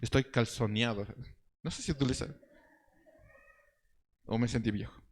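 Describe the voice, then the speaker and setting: A man preaching a sermon in an animated, ironic way, reading verses slowly and pitching quoted lines up high. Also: big-room sound, slight background noise. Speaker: pastor.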